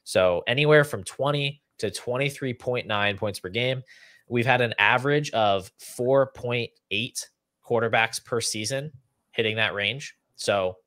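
This fantasy football podcast comes from a young man in a small room at home, recorded through a video call setup. His medium-pitched, fairly bright voice is unhurried and carries no echo. Conversational yet analytical, he explains figures and goes through lists.

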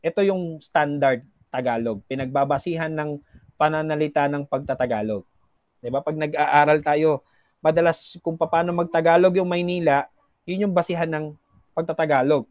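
A man with a slightly high voice gives a recorded lesson, explaining patiently and lightly acting out how people in different regions speak. The sound is close and dry, with no room around it. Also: normal speed, darkish tone, no room sound. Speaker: teacher. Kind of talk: recorded classroom lecture.

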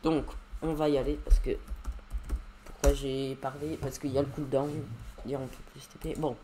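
A man's voice: mid-range voice, little pitch movement, moderate pace, noisy background. Man, gameplay commentary, casual, rambling, hesitant, fillers, faint keyboard clicks. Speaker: YouTuber.

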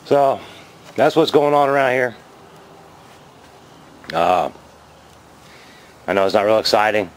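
A man in his fifties giving a rambling, chatty show-and-tell vlog outdoors by his garage, filming on a handheld camera and getting excited over his finds. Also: lowish voice, slow, pauses often, poor audio. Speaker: vlogger.

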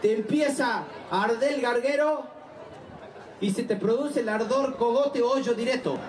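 A man with a Tucumán Argentine accent doing live stand-up comedy, with a rapid, bawdy punchline delivery. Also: extremely high pitch, darkish tone, a little hiss or hum. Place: outdoor festival stage. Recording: distant, echoey live stage recording with crowd.

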